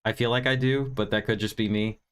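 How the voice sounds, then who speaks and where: A tired man from Virginia in the United States, recovering from sinus congestion, hosts a film review livestream. He chats in a rambling, candid, self-deprecating way with some swearing. His lowish voice is steady, clear and resonant, moving at a quick pace.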